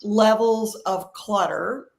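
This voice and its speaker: A woman's voice: mid-range voice, takes it slowly, creaky. Older woman organizer, earnest and emphatic, casual co-host talk. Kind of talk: casual conversation.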